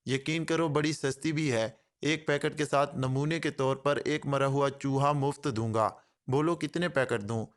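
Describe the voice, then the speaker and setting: A man's voice: medium pitch, fairly even intonation, natural voice. A man voicing a male secret agent who jokes mockingly, then speaks in a cold, hard tone. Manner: switches from joking patter to cold, hard tone.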